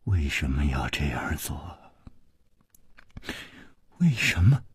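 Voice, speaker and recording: A man voicing a brooding, jealous woman who speaks in a low, hushed whisper. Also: very animated, slow pace, breathy edge, no room sound, studio quality, full character voice. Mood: tense.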